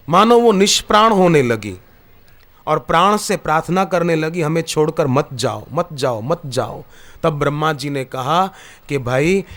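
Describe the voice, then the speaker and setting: A man with a high-pitched, fairly bright voice gives a Hindi satsang discourse to an audience in a discourse hall. He tells scripture stories and quotes verses, his delivery rising emphatically as he preaches.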